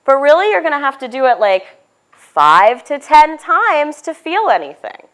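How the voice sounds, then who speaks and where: A woman with a fairly high voice and a stuffy nose, talking casually as a clinician. She teaches in a lecture room and counts the group through slow breaths in a demonstrative way. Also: big pitch swings, fairly bright tone. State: stuffy-nosed with a cough. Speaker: clinician presenter. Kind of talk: grand rounds teaching talk.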